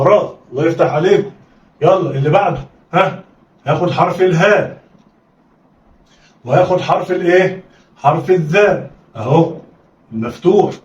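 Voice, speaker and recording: A man with an Egyptian accent, teaching children to read syllables, calling out sounds for them to repeat and praising them often. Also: fairly high pitch. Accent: Egyptian Arabic. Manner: call-and-response drilling, coaxing pupils to repeat; encouraging, blessing the pupils often. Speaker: Arabic teacher. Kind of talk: children's phonics lesson. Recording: echoey room, distant mic, dull lo-fi sound.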